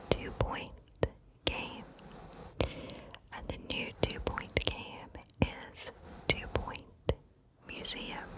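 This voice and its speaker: Female ASMR host, unhurried breathy whisper, close ear-to-ear mic, gentle casual chat. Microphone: close microphone, ear to ear.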